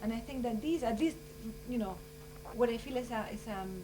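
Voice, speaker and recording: A woman's voice: fairly high pitch, brisk, background noise. Earnest woman, distant mic. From Chile. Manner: earnest, rambling, full of "you know" and "like". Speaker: scientist speaking at a conference. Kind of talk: informal closing remarks at a conference. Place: conference room.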